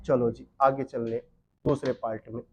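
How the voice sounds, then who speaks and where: A man teaching a Hindi grammar class for exam prep. He asks questions, answers them himself, and repeats key terms slowly. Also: mid-range voice, fairly even intonation, mellow. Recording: dull lo-fi sound.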